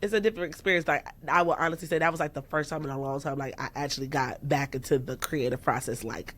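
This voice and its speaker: A thirty-year-old musician talks freely as a guest on a casual podcast, her voice low and her speech fast. She laughs often, stays animated, and acts out what people said to her, quoting herself in a raised voice.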